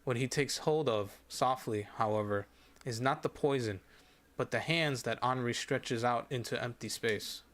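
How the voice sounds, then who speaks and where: A man reading a sad short story aloud from a game, in steady narration. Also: mid-range voice, unhurried. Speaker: streamer reading game stories.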